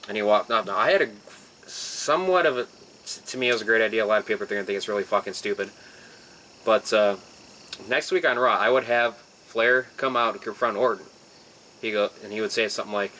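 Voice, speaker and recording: A man on a casual wrestling talk show rants bluntly with a sarcastic, profane edge. His voice sits low yet sounds bright and forward. Faint crickets chirp in the background. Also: quick pace, slight background noise, rough recording. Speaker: podcast co-host.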